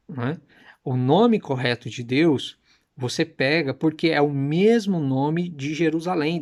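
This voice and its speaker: A young man preaching and teaching with emphatic, persuasive delivery, slowing down to repeat Hebrew words carefully. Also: medium pitch. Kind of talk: teaching sermon to camera.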